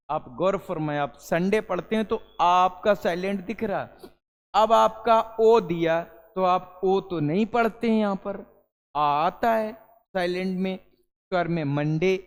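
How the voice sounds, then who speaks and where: A man's voice: sits high, long reverb tail. A male English teacher gives a classroom lesson, calling students "beta" and answering his own questions.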